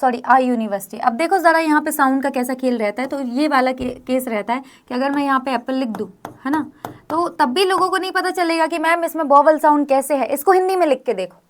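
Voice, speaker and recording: A woman from India teaches a grammar lesson in a high-pitched voice, speaking a little fast. She explains the rules step by step and keeps checking in with her students through frequent questions.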